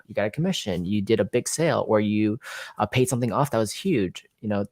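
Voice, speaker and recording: Mortgages are the topic as this man hosts a relaxed podcast conversation, his lowish voice creaky against a dry, studio-quality recording. He rambles conversationally in long, loose sentences, restarting as he goes.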